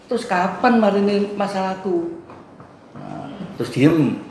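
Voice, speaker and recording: Man, middle-aged, East Javanese accent, fairly high voice, lively swings in pitch, acts out quoted arguments, echoey room. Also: takes it slowly, creaky. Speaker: resident in a neighborhood dispute. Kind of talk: animated retelling to a mediator. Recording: echoey room with faint background hum.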